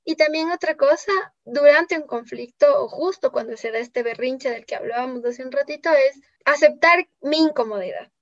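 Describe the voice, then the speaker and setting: A woman speaking as a guest on parenting, calmly explaining children's emotions in a soft voice that often trails off quietly. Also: high voice, moderate pace, hardly any pauses, dry recording. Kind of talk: calm explanatory talk. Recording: slightly dull lo-fi sound.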